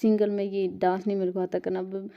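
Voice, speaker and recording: A young woman vlogger from Himachal Pradesh, India, rambles chattily through a casual voice-over while editing, often correcting herself. Her mid-range voice is level, clear and resonant, and she talks fast, though the audio sounds dull.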